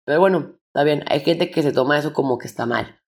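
A man's voice: on the high side, quick pace, vocal fry. A young man with a Mexican Spanish accent, hosting a solo podcast from home in a rambling, slangy, self-interrupting way. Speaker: podcast host. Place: home room.

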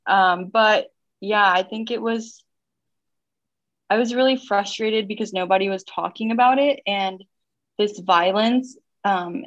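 A woman's voice: medium pitch, no room sound, highs cut off. A young woman from Missouri, a guest in a casual interview, reflecting on her life with many "um"s and "like"s. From Missouri, United States. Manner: relaxed, reflective, lots of fillers like "um" and "like".

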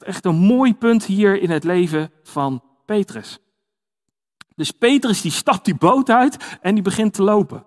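High-voiced man preaching in a reverberant hall. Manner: conversational, with frequent fillers and restarts. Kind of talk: sermon.

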